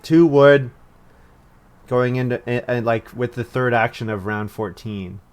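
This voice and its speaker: A man talks his way through a board game, narrating each turn in a relaxed, self-mocking manner and laughing at his own moves. His mid-range voice is smooth and his pace measured.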